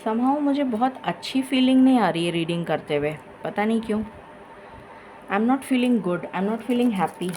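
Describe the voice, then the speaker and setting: A woman giving a tarot reading in a slow, effortful way, tired and with a dry throat. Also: a little high, animated, mellow, slight background noise, low-quality recording. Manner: slow, tired, effortful Hindi-English mix with many pauses. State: low energy, dry throat. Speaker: tarot reader. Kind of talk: casual tarot reading to camera.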